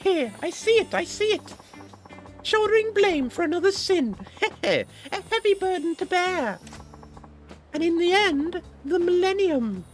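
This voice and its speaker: A woman's voice: sing-song, measured pace, heavily acted. A woman voicing a teasing, cryptic old fortune teller lady in a mocking granny voice for a game. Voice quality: high-pitched old lady voice. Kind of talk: playful improvised game voice-over in character. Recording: music behind the voice.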